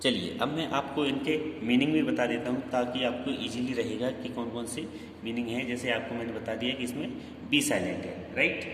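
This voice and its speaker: A man with a Hindi accent teaches pronunciation at a middle pitch, asking questions and answering them himself as he drills each word. His corrections come out stressed and insistent. The room rings with a long, echoey reverb and a faint hiss underneath. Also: brisk. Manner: repetitive, quizzing the viewers with questions and answers. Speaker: English teacher. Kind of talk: screen-based grammar lesson.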